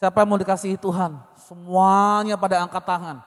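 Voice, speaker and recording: A pastor preaching a conversational sermon with personal stories, with an Indonesian accent from Medan. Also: male voice, sits high, flat delivery, a little fast, long reverb tail.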